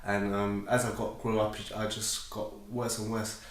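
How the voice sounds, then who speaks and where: A man's voice: lowish voice, little pitch movement, a little slow. South London man in a very echoey room. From South London, England. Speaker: speaker telling his conversion story. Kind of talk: informal personal testimony. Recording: echoey room, distant microphone.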